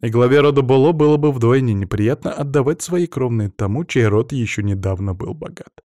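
Calm, mellow male audiobook narrator. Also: medium pitch, no echo, studio quality. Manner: calm, measured storytelling. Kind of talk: first-person scripted narration.

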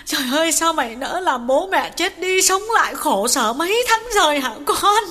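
A man's voice: very high voice, animated, moderate pace, music in the background, voice pushed up. A man voicing an aging peasant mother who speaks in a choked, wailing lament. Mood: tearful reproach.

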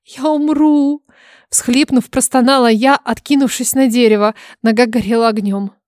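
A woman narrating a story in first person, reading in an expressive, dramatic way. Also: on the high side, moderate pace, no echo, clean studio sound. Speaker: audiobook narrator.

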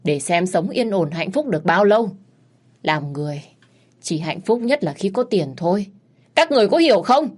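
A woman voicing a sharp-tongued young wife who curses in a shrill, sour voice. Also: expressive, brisk, pauses often. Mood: bitter defiant. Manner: scolding, cursing loudly.

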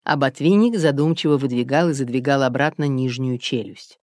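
A woman's voice: extremely low pitch, fairly quick, a little mellow, no room sound, clean studio sound. A woman narrating an audiobook.

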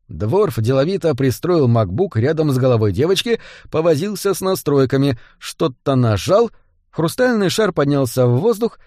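A man's voice: mid-range voice, mellow, no echo. Male audiobook narrator, dry close sound. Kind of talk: scripted narration.

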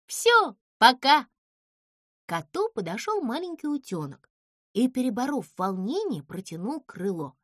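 A woman narrating a children's storybook with an expressive, animated reading. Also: on the high side, unhurried, slightly rough, no echo, studio quality.

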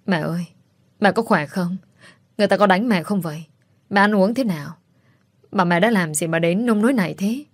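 A woman's voice: medium pitch, brisk, long pauses, no echo, natural voice. Anxious pleading young daughter, read by a woman, dry close sound.

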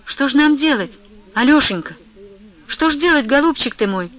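A woman's voice: sits high, moderate pace, a bit bright, dull audio, pitched above the performer's own voice. A woman reading an audiobook, voicing a tearful young widow who pleads and sobs with her beloved. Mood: pleading. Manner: pleading, sobbing, endearing.

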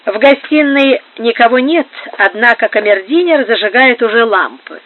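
A narrator voicing a male court priest who speaks quietly and with obsequious politeness. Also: mid-range voice, lively intonation, normal speed, close to an everyday voice. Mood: deferential. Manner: soft-spoken, obsequiously polite. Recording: phone-like narrow band.

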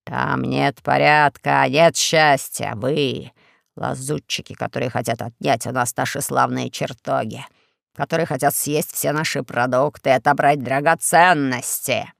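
A reader voicing a pompous, scheming underground dictator who makes slow, self-important proclamations in an audiobook. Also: mid-range voice, steady tone, creaky, fairly bright tone, no room sound, clean studio sound, voice pushed down. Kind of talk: audiobook character voice.

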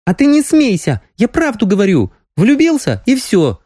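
A man doing a young village girl in love, high and lively, bouncing up and down in pitch with a soft, mellow tone. She's playful and quick to take offence, heard close and dry as in an audiobook. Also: no echo, full character voice. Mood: earnest, teasing. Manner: pleading, playful, raised girlish voice. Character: young lovestruck village woman, teasing and quick-tempered.

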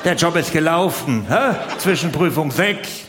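On stage before a live audience at a large venue, a middle-aged man delivers colloquial, mock-exasperated comedy full of rhetorical questions. His voice is on the high side and fairly bright, with lively intonation and a measured pace, recorded in a roomy, noisy hall.

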